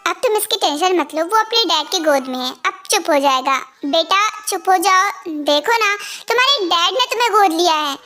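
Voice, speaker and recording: A woman voicing a gentle, caring young husband and new father in an amateur fan dub. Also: very high voice, expressive, moderate pace, few pauses, full character voice. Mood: soothing. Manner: gentle, soothing, teasing.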